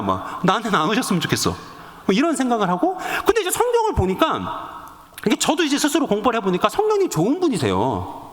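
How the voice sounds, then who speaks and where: A man preaching a sermon, telling a personal story in an animated way and acting out the voices in it. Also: sits high, long reverb tail. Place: church sanctuary.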